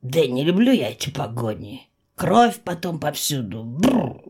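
A woman voicing a clumsy, sheepish male werewolf in an audiobook, with a low growling mutter. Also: big pitch swings, measured pace, warm tone, husky, exaggerated voice. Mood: wheedling. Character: awkward male werewolf, gruff but timid. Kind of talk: audiobook character voice.

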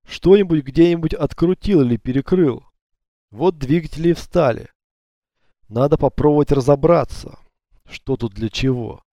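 A man's voice: a little high, moderate pace, warm tone, no echo, dull audio, pitched above the performer's own voice, close to an everyday voice. A man reading a scornful, irritable bandit. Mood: musing. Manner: scornful, curses.

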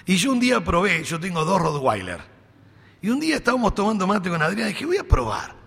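Male preacher, slightly high and bright, animated sermon storyteller, echoing hall. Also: fairly quick, vocal fry, slightly rough. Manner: animated, acts out dialogue with playful humor. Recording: long hall reverb.

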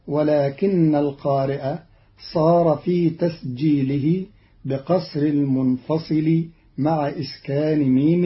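A man delivers a scripted explanation of recitation variants at an unhurried, deliberate pace. His voice sits fairly high for a man. The sound is dull and lo-fi, like an old radio archive. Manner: measured, deliberate, methodical.

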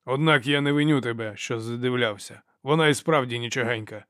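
A man reading an audiobook voices a coarse male slave guard who haggles and mocks in a loud, jeering way. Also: medium pitch, a little fast, no echo, studio quality, close to an everyday voice. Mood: jeering, haggling.

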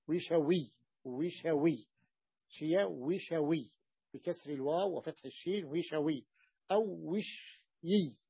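A man's voice: a little high, creaky, slightly rough, no room sound. A male teacher explaining a grammar text to his students, repeating terms and often asking the class questions. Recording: dull lo-fi dry recording.

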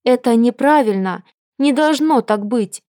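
A woman's voice: a little high, animated, a little slow, dark tone, no room sound, clean studio sound, voice pushed up. A woman voicing a proud, fiery young woman soldier in an audiobook, talking in a snappish, indignant way. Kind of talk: audiobook character voice.

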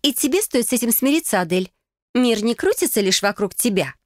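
A haughty young cousin, smug and taunting, her voice pitched up high and bright, as a woman reader puts her on. She speaks in a dry, close recording with no room around it. The tone is steady, cutting mockery. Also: a little fast, no room sound, close to an everyday voice. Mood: mocking. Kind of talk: audiobook character voicing.

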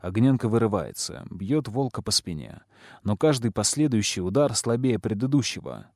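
A man narrating a fantasy novel in an even storytelling manner. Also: fairly low pitch, normal speed, no room sound, clean studio sound. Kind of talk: audiobook narration.

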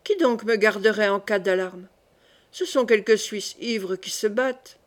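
A woman reading the lines of a cold, imperious aging queen mother, calm and dismissive. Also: mid-range voice, unhurried, lightly acted. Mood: commanding.

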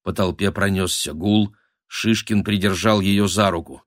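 A man narrating a dark period thriller audiobook in a dramatic storytelling manner. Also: sits low, fairly even intonation, measured pace, dry recording, studio quality. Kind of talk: scripted narration.

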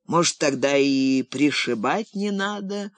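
Old grandfather, sentimental and grumbling, folksy and gruff, played by a narrator, storybook reading, dry sound. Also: mid-range voice, lively intonation, a little slow, no echo, lightly acted. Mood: gloomy. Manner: fond, gruff folksy talk. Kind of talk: audiobook character reading.

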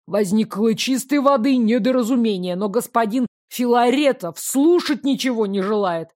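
A woman voicing a nervous old village elder who squeals in a fussy falsetto. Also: moderate pace, darkish tone, dry recording, clean studio sound, close to an everyday voice. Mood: relieved.

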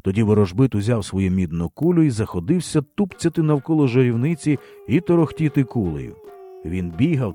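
A man reading a historical novel aloud as an audiobook narrator, with expressive storytelling. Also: mid-range voice.

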